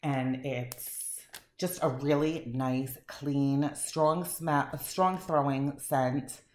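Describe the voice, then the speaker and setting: Very low-voiced chatty woman. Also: fairly even intonation, extremely slow, a little mellow. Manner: chatty, enthusiastic, rambling with fillers. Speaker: wax melt reviewer. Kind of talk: casual chat. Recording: echoey room, faint noise.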